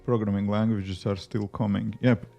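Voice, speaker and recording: A livestreaming app developer, a native Latvian speaker with a Latvian accent, chats casually on a live coding stream, rambling and filling his answers to viewer questions with many fillers as he works between tasks. His fairly low, creaky, warm voice keeps a level tone at a moderate pace. The audio is dull, with faint music behind.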